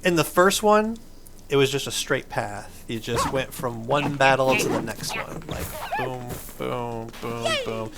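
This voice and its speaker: A man with a gravelly, medium-pitched voice speaks a little slowly while hosting a family gaming video. He keeps it casual and playful, patiently explaining things, with video game music and some background noise behind him.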